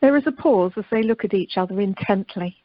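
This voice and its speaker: Recorded remotely by telephone during lockdown, a woman with a medium-pitched voice briskly reads scripted narration and stage directions for an amateur radio play. The muffled telephone conference line carries no room sound.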